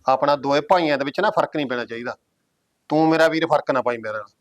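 A man's voice: mid-range voice, fast talker, close to an everyday voice. An actor playing a stern, caring elder brother who scolds his drinking younger sibling in a Punjabi family drama. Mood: soothing. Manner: scolding, firm.

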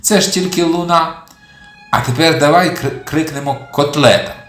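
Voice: mid-range voice, normal speed, natural voice. A narrator voicing an eager little puppy. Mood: playful. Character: cheerful little male puppy, playful and inventive. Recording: roomy audio with soft music.

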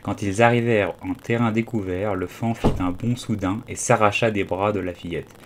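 A man reading an audiobook aloud in a calm storytelling manner. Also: lowish voice, normal speed, background noise. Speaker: audiobook reader. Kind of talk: audiobook narration.

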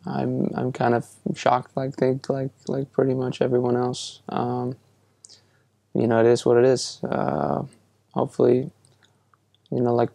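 In a dry, close recording with no room sound, a young Icelandic man, a musician, works through interview answers with lots of fillers and restarts. His relaxed, hesitant delivery comes in a dark, gravelly voice at a flat, steady pitch.

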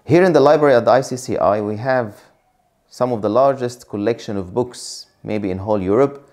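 A man's voice: medium pitch, brisk, darkish tone. A man in his thirties, raised in Egypt, speaking as a librarian giving a formal, courteous guided tour. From raised in Egypt, born in London. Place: indoor library.

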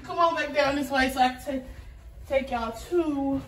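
A young woman with a high, steady voice walks viewers through her house at a moderate pace, chatting and often repeating herself. She films on a handheld phone while moving indoors, so the audio is roomy and noisy, with her voice far from and off the mic.

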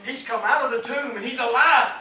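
Over a noisy crowd, a middle-aged man's extremely high, fairly quick voice carries a fervent Pentecostal-style sermon that rises and falls and calls for amens. The small congregation in the church hall is filmed from far away by a camera with no mic seen, giving echo and a faint hiss.

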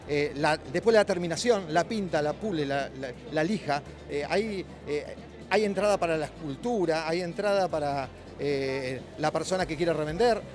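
A middle-aged man with an Argentine accent, a company director giving a trade-show interview in a busy expo hall, explaining at length with frequent hesitations and restarts. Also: sits high. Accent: Rioplatense Spanish. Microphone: handheld mic held by interviewer.

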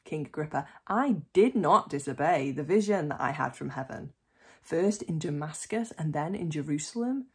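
A woman's voice: sits low, lively intonation, normal speed, darkish tone, slightly rough. A woman reading scripture aloud for a church, then reflecting on it in a hesitant, searching way. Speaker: church reader and preacher.

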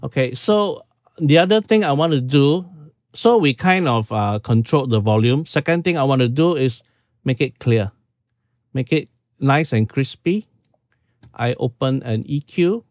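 This is an informal, step-by-step screen-share tutorial on audio settings, led by a Singaporean man in his fifties who keeps saying "okay." He speaks at medium pitch, animated but measured in pace, from a small room at home. The studio-quality audio has no room sound.

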